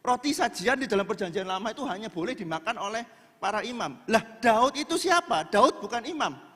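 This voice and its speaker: A man's voice: high-pitched, big pitch swings, fairly quick, sharp tone, husky. A male preacher, giving a chatty sermon and joking with the congregation in a church. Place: church in a large hall. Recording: echoey church hall.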